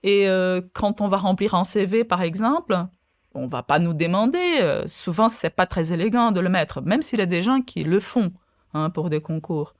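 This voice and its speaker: A Brazilian woman whose first language is Portuguese is a guest quantum physicist on a podcast interview. She sounds hesitant, with many fillers and restarts, speaking at normal speed in a lowish, expressive voice on a dry, studio-quality recording.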